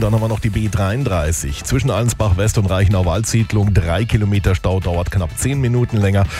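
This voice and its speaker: A man's voice: on the low side, warm tone. A man hosting a morning radio show, chatty and upbeat, reading traffic and speed camera reports.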